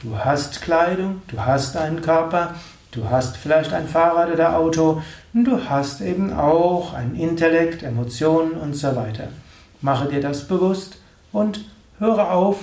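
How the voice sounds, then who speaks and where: A man giving a spiritual lecture in a calm, repetitive, instructive manner. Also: on the high side, a little slow. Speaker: spiritual teacher. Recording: echoey room, voice from far off.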